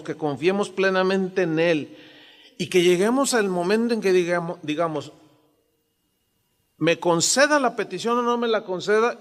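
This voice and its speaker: A pastor in his sixties with a Mexican accent preaches conversationally and keeps asking his listeners rhetorical questions. His voice is high for a man, and the long reverb of a church hall follows every phrase. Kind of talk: sermon.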